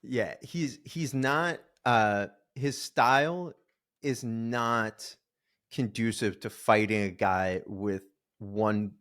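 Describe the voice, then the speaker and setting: A man's voice: medium pitch, slow, a bit bright. A man co-hosting a sports betting podcast, talking bluntly and swearing casually. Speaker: podcast co-host.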